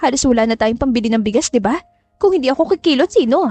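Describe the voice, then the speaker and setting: A woman's voice: sits high, expressive, quick pace, dark tone, dry recording, soft background music. A woman voicing a cold, manipulative mother who gives curt orders and coaxes her daughter. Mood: coaxing commands. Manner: curt, commanding, coaxing. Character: cold, scheming, chain-smoking mother.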